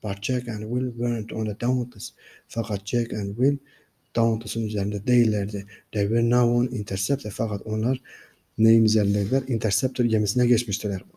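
A man's voice: lowish voice, steady tone, a little fast, warm tone, slightly rough. A man with a Turkish accent, teaching by reading a storybook line by line in English and then explaining each line to his class. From Turkey. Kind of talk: reading a graded reader aloud and translating.

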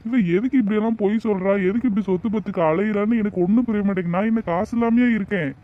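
Brief: man voicing a wronged young husband in a cartoon, high-pitched and rapid, complaining. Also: phone-quality sound, lightly acted. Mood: aggrieved. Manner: complaining, aggrieved, rhetorical questions. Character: exasperated young husband, wronged and self-pitying.

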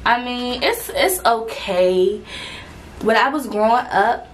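A woman's voice: fairly high pitch, animated, slow pace, a little hiss or hum, rough recording. A young adult woman vlogging casually to camera, chatty and rambling, with fillers and restarts, a little out of breath.

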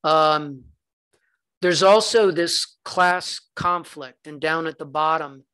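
Bright-voiced man giving a literature lecture. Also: fairly high pitch, takes it slowly, clear, resonant tone. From American South. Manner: conversational, uses fillers, reads quoted passages aloud. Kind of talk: recorded lecture.

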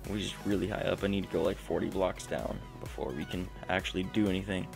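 Talking quickly in a low voice with vocal fry, a young man casually commentates his own gameplay in a home room. He hosts a gaming channel, and his chatty narration often cuts itself off, with faint music audible behind him.

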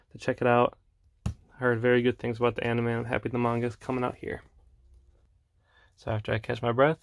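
A young man casually showing off his manga collection, rambling with fillers and soft laughs. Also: medium pitch, smooth, no room sound, studio quality.

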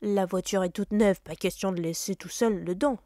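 A woman reading aloud and voicing a stern, bullying uncle who speaks slowly and loudly. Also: mid-range voice, no room sound, clean studio sound, lightly acted. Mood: threatening. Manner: slow, loud and menacing.

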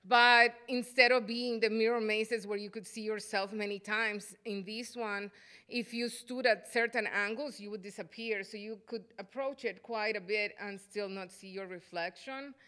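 A woman's voice: medium pitch, fairly even intonation, bright, forceful tone, clean tone. Salvadoran-born woman lecturing at a podium. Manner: thoughtful, halting with frequent fillers. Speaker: artist giving a lecture. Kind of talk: lecture presentation. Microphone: podium microphone.

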